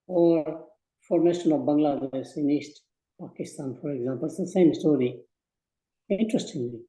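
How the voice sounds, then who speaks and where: A man in his eighties from Burma, giving slow, measured advice in a speech to students. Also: on the high side, warm tone, reverberant, rough recording. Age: 80s. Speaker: guest speaker.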